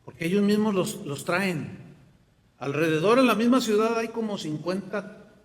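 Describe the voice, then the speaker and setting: A man's voice: high-pitched, normal speed. A male pastor, preaching a sermon and acting out little dialogues in a large church hall. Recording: long hall reverb.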